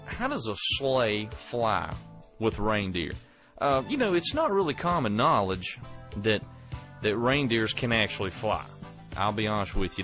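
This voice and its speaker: A man's voice: fairly low pitch, fairly bright tone. A man hosting a comedy radio interview, rambling with lots of fillers. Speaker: radio DJ host.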